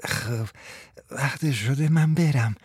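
A man's voice: medium pitch, mellow, slightly rough, dry recording, clean studio sound, close to an everyday voice. A man reading a nervous young man. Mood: uneasy.

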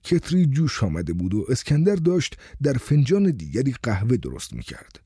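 A man reading a story aloud as narrator in a expressive reading style. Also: medium pitch, husky, dry recording, studio quality. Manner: expressive reading, voices the characters. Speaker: audiobook narrator.

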